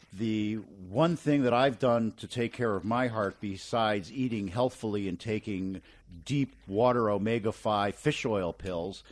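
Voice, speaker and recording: A man in his forties hosting a business talk radio show, speaking in a brisk, plainspoken way. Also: mid-range voice.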